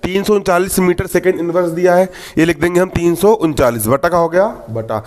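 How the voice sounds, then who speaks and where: Young guy w/ teaching science, high voice, keeps quizzing the class and answering himself. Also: a little fast. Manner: repeats questions to the class and answers them himself; joking asides to students. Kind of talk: exam-prep lesson.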